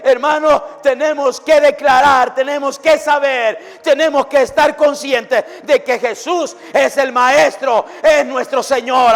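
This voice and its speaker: A man preaching a fervent sermon as pastor, often shouting and calling out praise. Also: very high-pitched, in a large hall. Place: church.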